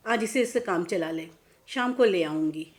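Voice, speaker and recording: A tired mother of sixty, as a woman reads her part, answering her family in soft, resigned replies. Her voice stays close to an everyday speaking voice in this storybook telling, level and even. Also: fairly low pitch, normal speed, lightly acted. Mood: weary. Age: 60s. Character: overworked sixty-year-old mother, patient and weary.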